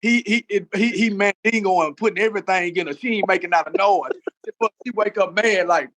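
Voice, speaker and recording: A man in casual chat, telling a long joke with animated delivery and often repeating words as he stumbles through it. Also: sits high, fairly quick. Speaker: co-host.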